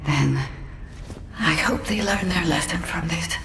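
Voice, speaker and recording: A solemn artificial guide made to serve humanity in a video game. She speaks formally and with composure in a rather low female voice. The sound is reverberant and slightly far off, with clear noise. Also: a bit bright. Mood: grave. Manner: measured, formal, philosophical. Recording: roomy, distant, clearly noisy ambience.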